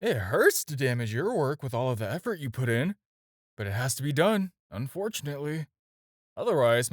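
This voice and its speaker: In an audio roleplay recorded dry with no room sound, a man plays a smooth-talking, flirtatious adult supervillain addressing the listener directly. His mid-range voice, lightly acted, swings widely in intonation as he coaxes and teases, stretching out playful, hesitant pauses.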